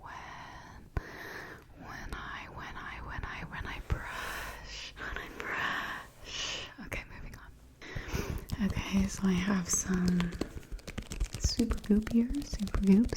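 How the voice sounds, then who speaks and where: Woman, soft ASMR whisper, slow, low-pitched, repeating trigger words, noisy background. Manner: whispered, repetitive trigger phrases. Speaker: ASMR creator. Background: tapping and lid sounds.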